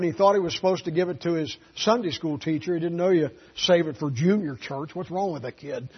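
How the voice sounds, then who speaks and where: A man preaching a sermon as a pastor, telling folksy stories and swinging from quiet asides to loud, emphatic peaks. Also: fairly high pitch, husky, lo-fi sound. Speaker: Baptist pastor.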